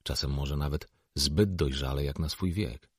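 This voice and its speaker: A man narrating a novel as an audiobook, in a measured, even storytelling manner. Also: a bass voice, slightly rough, no echo, studio quality. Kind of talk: scripted narration.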